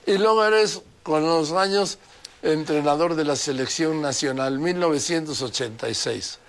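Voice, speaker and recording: A man's voice: fairly high pitch, moderate pace, fairly bright tone. An older man, hosting an interview in a chatty way, prompting his guest with questions. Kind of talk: casual interview.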